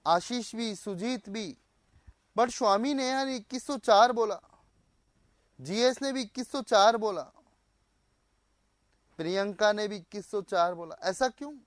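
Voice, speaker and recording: A man's voice: high voice, measured pace, pauses often, dry recording. A male teacher running a live online class, quizzing students, repeating their answers back and mixing in English phrases.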